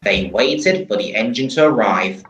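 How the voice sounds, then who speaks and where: A woman reading a story aloud on a livestream, lively and unhurried. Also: a bass voice, echoey room, background noise.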